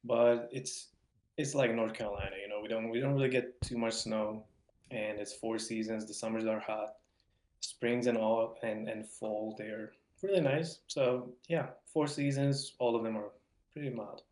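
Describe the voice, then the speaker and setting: A young Hungarian man with a Hungarian accent chats casually as a podcast guest in an interview, often repeating words. His fairly low, darkish voice is steady and moderately paced. The recording sounds roomy, with an echoing voice.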